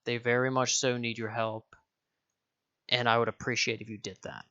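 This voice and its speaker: A man's voice: medium pitch, little pitch movement, moderate pace, bright, forceful tone, lo-fi sound. A young man from Denmark, a YouTuber, talking casually to his viewers, rambling, correcting himself and swearing offhand. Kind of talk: casual direct-to-camera vlog.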